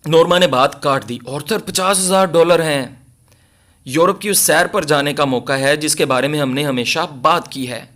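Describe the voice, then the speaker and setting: A man with a Pakistani accent teaching an English lesson, reading each line slowly and explaining it in Urdu. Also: a little high, fairly bright tone.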